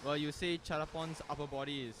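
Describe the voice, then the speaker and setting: Young male commentator, slightly higher voice, laid-back chat over faint venue hum. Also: quick pace. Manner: relaxed, chatty, says "man" and "you never know". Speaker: squash commentator. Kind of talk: casual live sports commentary.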